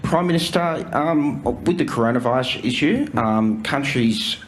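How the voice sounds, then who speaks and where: A man's voice: mid-range voice, lively intonation, measured pace, a little hiss or hum, low-quality recording. A man, a newspaper reporter putting a pointed, direct question at a press conference.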